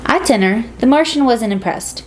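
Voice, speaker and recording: A woman reading a children's picture book aloud, gentle and storytelling. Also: on the high side, animated, normal speed, a little hiss or hum, low-quality recording. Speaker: reader.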